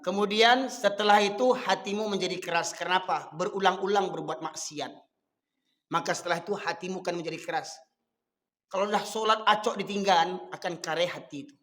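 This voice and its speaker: A man's voice: high-pitched, fairly quick, a bit bright, long reverb tail. A man with a Minangkabau accent preaching a sermon, fiery and scolding. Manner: fiery, scolding, switches between dialect and Indonesian.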